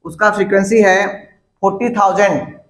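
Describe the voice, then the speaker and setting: A high-voiced man teaches in a classroom, repeating key words for students to copy down and often checking that they follow. The sound bounces around the room. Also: fairly even intonation, normal speed, fairly bright tone. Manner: repeats and dictates terms to students, asks them questions. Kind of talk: classroom lecture. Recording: echoey classroom.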